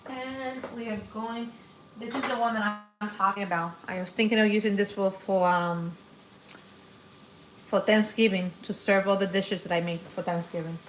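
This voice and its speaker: Her voice is mid-range and steady, delivered at a moderate pace, as this Dominican cooking host in her forties talks to viewers while she cooks live at home. The poor audio carries reverb and slight background noise.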